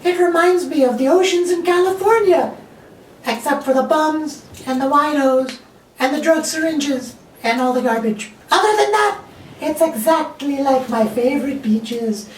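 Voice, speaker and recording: A woman voicing an excitable, easily exasperated female sock puppet in an amateur comic skit, with theatrical sighs. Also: sits high, measured pace. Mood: dreamy. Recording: echoey room, distant mic, faint noise.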